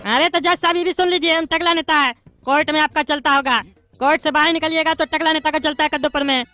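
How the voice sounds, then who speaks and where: A woman voicing a boastful, rude bald male politician in a cartoon comedy, talking loud and indignant. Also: high voice, fairly even intonation, fast, over music, close to an everyday voice. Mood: threatening.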